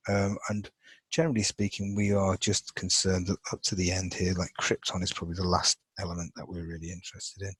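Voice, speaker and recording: A man with a lowish, slightly husky voice walks through a chemistry lesson, thinking aloud as he marks up a chart. He talks in a loose, unscripted way, full of fillers and restarts. The sound is dry and close. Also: little pitch movement, brisk, fairly bright tone, dry recording, rough recording. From England. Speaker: chemistry teacher. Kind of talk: informal lesson over a drawn screen.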